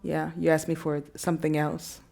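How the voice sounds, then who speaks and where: A woman's voice: low-pitched, normal speed, vocal fry. A woman poet and activist telling stories animatedly on a live panel. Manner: animated storytelling, acts out quoted exchanges. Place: live event before an audience.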